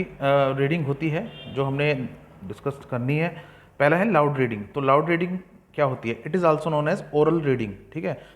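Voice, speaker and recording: A young man with a fairly high voice teaches an exam-prep lesson. He reads each English point slowly and deliberately. Then he explains it in Hindi, with many fillers.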